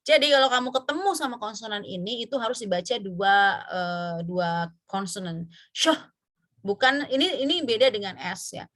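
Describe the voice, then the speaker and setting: A woman's voice: mid-range voice, animated, a bit bright. Indonesian woman teaching English sounds. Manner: slow, drawn-out example words with many fillers. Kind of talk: online class lesson mixing Indonesian and English.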